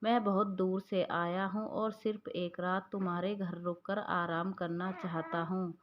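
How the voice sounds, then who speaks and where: A woman voicing a wheedling, hungry male bedbug who pleads softly, in a slightly muffled recording. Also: lowish voice, flat delivery, measured pace, natural voice. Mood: pleading.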